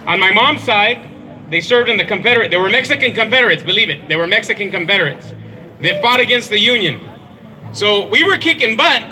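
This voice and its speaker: A man's voice: sits high, lively intonation, a little fast, pushed and bright, slight background noise, low-quality recording. A man giving a punchy, crowd-rousing speech at an outdoor rally. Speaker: rally speaker.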